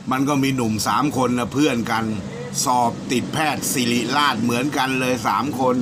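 An older man who tells jokes to his viewers and greets them loudly and chattily. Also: mid-range voice, noisy background. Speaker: comedian storyteller. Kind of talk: joke telling.

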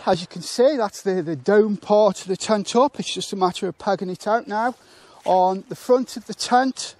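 A man casually demonstrating how to pitch a tent outdoors, chatting and thinking aloud with fillers, poking fun at himself. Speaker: motorcycle touring reviewer.

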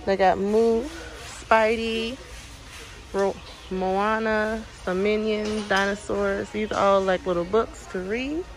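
Slow-talking woman browsing store aisles. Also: mid-range voice, steady tone, soft background music. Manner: chatty, lists items and prices as she browses. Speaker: shopping vlogger. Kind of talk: casual shop-with-me narration. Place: large warehouse store aisle, indoors. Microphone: handheld phone camera. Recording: noisy phone audio in a busy store. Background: store ambience and noise.

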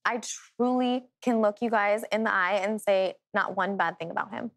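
A woman with a thick Dakota accent speaks in a medium-pitched voice. She is chatty and animated, giving candid, casual interview answers peppered with "like.". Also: normal speed, slight background noise. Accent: North or South Dakota. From Dakotas, United States. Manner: animated, chatty, heavy use of "like". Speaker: reality show cast member, guest.

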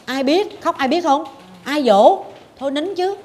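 A woman's voice: high voice, animated, unhurried, a little mellow. A woman, hosting a talk show and dramatically telling a personal story, acting out her own past thoughts. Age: 40s. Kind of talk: confessional storytelling chat.

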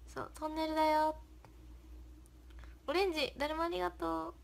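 A woman's voice: high-pitched, flat delivery, moderate pace, creaky. A young woman hosting a casual livestream, reading viewer comments aloud, thanking them, and giggling often. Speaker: idol livestream host.

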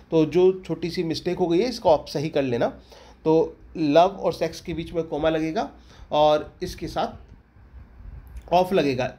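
Male tutor with Indian English accent, high-pitched voice, exam-prep lecture, quizzes and answers himself, stretches out English terms. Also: a little mellow. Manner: repeats questions to students and answers them, slowing for English terms. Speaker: English literature teacher.

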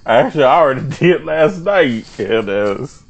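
Loud teasing young man gaming. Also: on the high side, animated, normal speed, gravelly, highs cut off. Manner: loud, teasing, profane, laughs often. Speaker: gaming host. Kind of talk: casual gaming banter.

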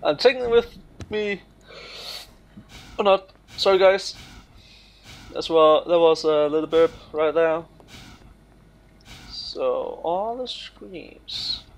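A man's voice: on the high side, takes it slowly, pauses often. A man giving casual, jokey commentary while playing a game, exclaiming and laughing often. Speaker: gamer playing on video. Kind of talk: casual let's play commentary.

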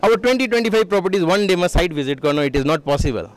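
A man in his thirties speaks very quickly into a handheld interviewer's mic at an indoor expo stall. His voice sits somewhat high for a man, and he keeps moving between English and Nepali. His hands are busy as he explains. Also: animated. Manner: fast, mixes English and Nepali, gestures with both hands. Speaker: sponsor, real estate firm head.

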